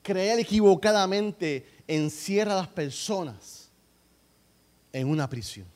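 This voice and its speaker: High-voiced preacher. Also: male voice, expressive, slow pace. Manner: swings between soft low talk and loud outbursts, repetitive. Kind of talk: sermon.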